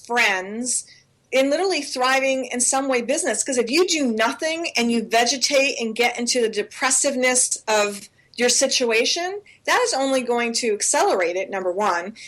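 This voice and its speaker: An earnest woman in her forties co-hosts a casual talk show, pressing her points with repetition. Her voice sits a little high for a woman, and she talks over a remote call. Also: fairly bright tone. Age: 40s. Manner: earnest, emphatic, repeats herself for stress. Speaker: co-host.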